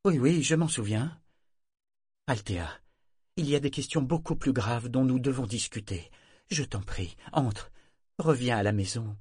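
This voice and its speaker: Man reading as a weary, hushed older mother. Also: mid-range voice, animated, unhurried, husky, no echo, studio quality, voice pushed up. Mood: pleading. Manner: hushed, soft-spoken. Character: weary widowed mother, older woman, sleepless.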